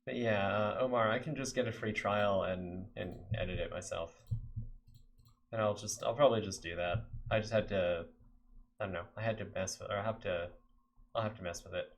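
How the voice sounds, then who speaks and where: Steady in tone and at normal speed, a young man from Texas speaks on the low side. He develops games on a live stream, talking loosely to his audience between lines of code with lots of fillers.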